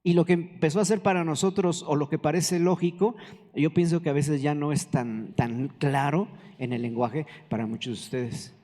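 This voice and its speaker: An older man preaches in a casual, conversational way and often turns to the congregation with questions. His voice is mellow and dark, set a little high, and a long reverb from the church hall trails after his words. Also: steady tone, moderate pace. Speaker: pastor. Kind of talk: sermon.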